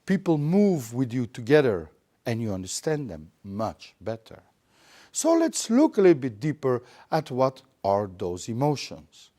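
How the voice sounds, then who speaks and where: Animated Belgian man giving a lecture. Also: a little slow. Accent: Belgian Dutch. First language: Dutch. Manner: theatrical, acts out examples with big swings in pitch and loudness. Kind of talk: live lecture.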